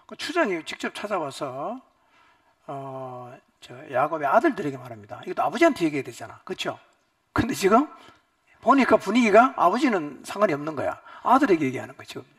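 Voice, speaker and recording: A male pastor preaches at a church retreat in a high, very lively voice. He swings from loud, animated outbursts to quiet asides. The sound is dry, with him a little away from the microphone. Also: a little fast, husky, no room sound, distant mic. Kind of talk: retreat Bible lecture.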